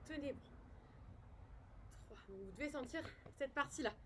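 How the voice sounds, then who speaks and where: A woman's voice: high voice, expressive, normal speed, noisy background. A French woman leading a home workout as a fitness instructor, upbeat and encouraging, counting repetitions aloud.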